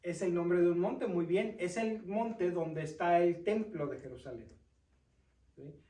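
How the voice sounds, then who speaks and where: A man's voice: high voice, measured pace, mellow. A man, a deacon, reads scripture aloud to a group, explains it and asks his listeners questions. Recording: roomy sound from a distant mic.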